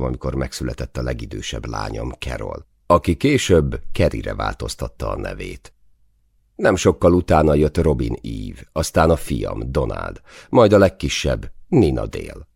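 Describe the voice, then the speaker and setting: A man's voice: a little mellow, dry recording, studio quality. A man reading a first-person memoir as an audiobook, telling it in a wry, understated way. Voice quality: deep gravelly voice. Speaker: audiobook narrator.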